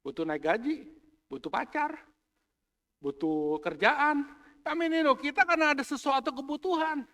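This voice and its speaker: A man with a high voice preaches to his church. His delivery is playful and joking, and he drops English phrases into the sermon. The sound has a long reverb from the church hall. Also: fairly bright tone. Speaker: pastor.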